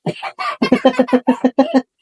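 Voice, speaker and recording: Speaking extremely slowly, this man has a very high voice whose pitch swoops wildly, and crowd noise can be heard. He's vlogging casually at home in a bedroom with his small child, stuffy with a cold, teasing, joking and laughing a lot.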